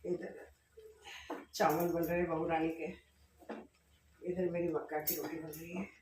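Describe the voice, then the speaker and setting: A middle-aged woman cooking in her home kitchen, chatting directly to her viewers and speaking loudly on purpose. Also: low voice, level tone, unhurried, distant mic, background noise. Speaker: vlogger. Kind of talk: casual cooking vlog. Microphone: camera set up at a distance. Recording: echoey kitchen, voice off-mic.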